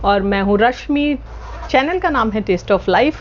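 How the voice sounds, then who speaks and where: A woman's voice: on the high side, animated, takes it slowly, muffled recording, a little hiss or hum. A woman vlogging at home in casual chat, playful and teasing, switching between Hindi and English. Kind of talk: casual vlog chat to camera. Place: at home indoors.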